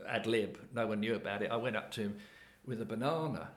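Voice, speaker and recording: A man's voice: lowish voice, fast talker. Older man telling rambling stories. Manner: rambling storyteller, chuckles often. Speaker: comedian guest. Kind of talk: casual chat.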